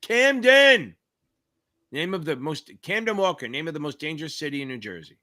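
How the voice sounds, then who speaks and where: Man, middle-aged, livestream host, hyped and swearing, fairly high voice, bright and forceful. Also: sing-song, moderate pace. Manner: hyped, profane, shouty cheers; reads out viewer names and answers them. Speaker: livestream host and exam tutor. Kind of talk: live Q&A chat.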